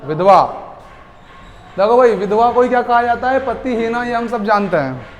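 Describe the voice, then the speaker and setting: A man teaching a class in a lively lecture style. He keeps asking the students questions and then answers them himself. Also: extremely high pitch, moderate pace. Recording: long hall reverb.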